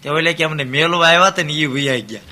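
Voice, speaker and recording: A man's voice: on the high side, fast talker, very noisy. A man with a Saurashtra Gujarati accent telling comic folk stories on stage, repeating his phrases in a storytelling rhythm and quoting the characters' dialogue. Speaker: folk storyteller and dayro performer.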